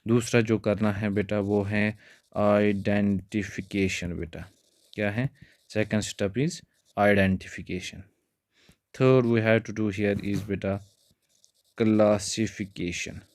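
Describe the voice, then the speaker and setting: Flat-voiced low male biology tutor. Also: extremely slow, no room sound. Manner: keeps calling students "beta", mixes in English terms. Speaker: biology teacher. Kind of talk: exam-prep lecture.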